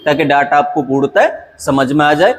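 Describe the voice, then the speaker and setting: A man's voice: fairly high pitch, moderate pace, big-room sound, slight background noise. A male teacher giving an exam-prep grammar lesson, drilling word pairs in a repetitive way and checking that students follow.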